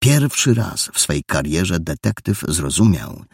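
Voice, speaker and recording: A man narrating a children's adventure story in an expressive, dramatic reading. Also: sits low, a little slow, gravelly, husky, no echo, studio quality. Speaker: audiobook narrator.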